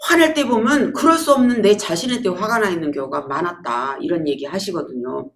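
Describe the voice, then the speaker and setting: A woman giving a public lecture, telling lively stories and acting out quotes. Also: on the low side, a little fast. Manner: lively storytelling with acted-out quotes.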